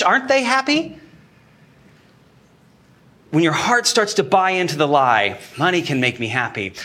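Male preacher, bright and lively, slightly high voice, acts out inner voices mid-sermon. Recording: live sermon recording.

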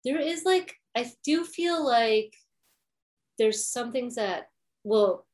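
A woman's voice: on the high side, expressive, slow pace, a little mellow. A woman co-hosting a podcast in casual chat, talking loosely with lots of "like" fillers and laughing easily. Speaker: podcast co-host.

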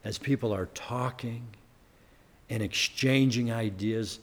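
A man preaching a sermon as pastor, earnest, building to emphatic peaks and then dropping low. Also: takes it slowly, big-room sound.

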